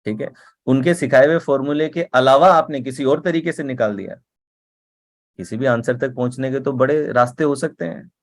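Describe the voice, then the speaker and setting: A man's voice: medium pitch, normal speed. Man giving a chatty motivational talk. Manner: conversational, often asks "ठीक है?" and "right?"; repeats words for rhythm and emphasis.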